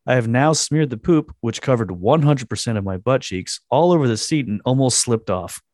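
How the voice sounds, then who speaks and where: A man's voice: mid-range voice, animated, moderate pace, darkish tone, no room sound, studio quality. A man co-hosting a casual chat, reading a post aloud with crude jokes and frequent laughs. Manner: crude joking, laughing often. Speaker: podcast co-host.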